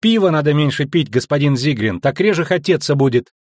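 A man voicing a cheeky, sharp-tongued young girl who mocks and teases in a raised voice. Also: medium pitch, big pitch swings, fairly quick, no echo, clean studio sound, close to an everyday voice. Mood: sassy. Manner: mocking, sassy, raised voice.

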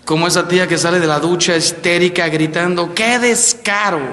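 A middle-aged Mexican man with a Mexican accent, a priest giving a playful, animated talk on marriage to a large audience. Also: on the high side, a little fast. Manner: animated, playful storyteller, acts out quotes. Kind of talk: lively talk on marriage with jokes. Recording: echoey hall with faint ambience.

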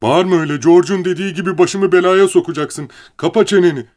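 A man's voice: high-pitched, fast, darkish tone, pitched above the performer's own voice, lightly acted. A man voicing a big, simple-minded farmhand who is childlike and easily frightened, speaking in a raised, pleading voice. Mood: angry panic.

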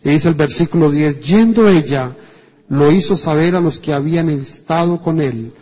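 A man with a Colombian accent preaching a sermon, animated, asking many rhetorical questions and swinging between loud and soft. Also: on the high side, moderate pace. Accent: Colombian Spanish. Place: church hall. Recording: dull sound with long church reverb.

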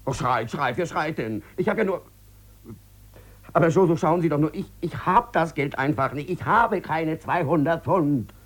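An actor playing a desperate, sick gambler in debt, pleading and stammering on the phone in a 1950s radio play. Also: male voice, on the high side, animated, normal speed. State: feverish. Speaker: lead character in a radio drama.

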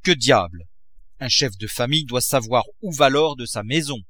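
A man voicing a furious, miserly old father who shouts and mocks. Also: medium pitch, lively intonation, normal speed, dry recording. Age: older. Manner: shouting, explosive, mocking.

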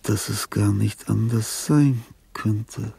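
In a German radio drama, an older male actor plays a lonely, dying old composer, tender and confused, his husky, halting delivery swinging between whispers and cries. His fairly low voice is warm yet gravelly, husky, and breathy, with a solemn, murmuring mood. There's slight background noise.

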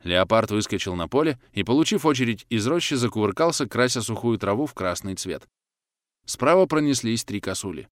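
A man narrating a first-person war novel as an audiobook reader, in a steady, even manner. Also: on the low side, a little fast, dry recording, clean studio sound.

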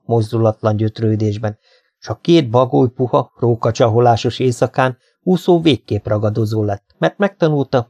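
A man narrating a literary audiobook in a calm, measured way. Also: mid-range voice.

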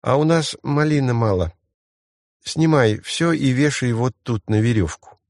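A man's voice: medium pitch, lively intonation, unhurried, darkish tone, no echo, clean studio sound. A man reading an audiobook voices a small, stubborn little girl who bosses and scolds. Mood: bossy. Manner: bossy, scolding, matter-of-fact.

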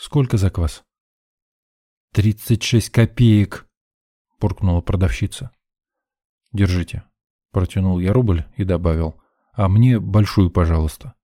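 A man narrating a first-person audiobook in a calm, even storytelling manner. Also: low-pitched, dry recording, clean studio sound.

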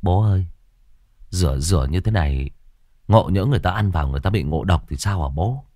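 Man doing anxious squeamish teenage son, pleading, low lively voice, dry sound. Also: fairly quick, dry recording. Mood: worried.

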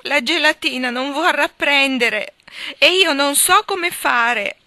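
A woman voicing a distraught young wife who breaks into sobbing, exclamatory outbursts, raising her voice high and loud in a dry, close storybook reading. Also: a little fast, dry recording. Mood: distraught, indignant.

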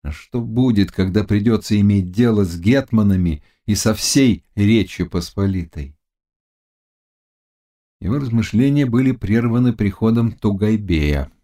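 A man reading a classic novel aloud as an audiobook narrator, in a dramatic, measured manner. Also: fairly low pitch, expressive, dark tone. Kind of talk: scripted literary narration.

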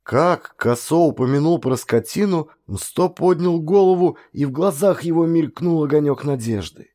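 A man reading a story aloud as narrator, in an even, measured storytelling manner. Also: fairly high pitch. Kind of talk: scripted audiobook narration.

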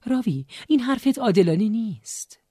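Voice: mid-range voice, animated, dark tone, slightly rough, no echo, studio quality, voice pushed up. A narrator voicing a weary, defensive young woman, a former singer, in an audiobook. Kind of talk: audiobook character voice.

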